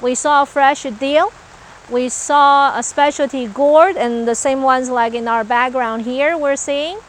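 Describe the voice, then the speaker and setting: Outdoors on a farm, a Taiwanese woman with a Taiwanese accent, an agricultural researcher, explains her farm work in an interview. Her high voice stays steady and slow as she lists things earnestly, with some hesitations. The audio quality is poor.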